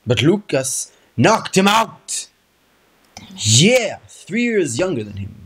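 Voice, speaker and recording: A man's voice: fairly high pitch, sing-song, takes it slowly, a bit bright, husky. A young man in casual reaction chat, blunt and opinionated, with mild exclamations. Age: young adult. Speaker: reaction video co-host. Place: small room at home, indoors. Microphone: shared microphone on a boom arm in front.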